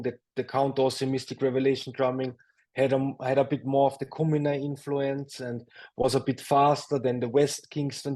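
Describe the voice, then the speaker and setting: A man's voice: mid-range voice, mellow. A man interviewing in Rastafari speech, choosing his words with care and many hesitations. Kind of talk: interview questioning.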